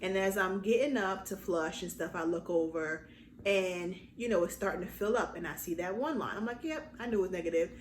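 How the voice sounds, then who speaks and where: A young adult woman telling a personal story in a casual vlog, lively and acting out the quotes. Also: normal speed. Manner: animated, acts out quotes with big pitch jumps. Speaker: vlogger. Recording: echoey room with faint noise.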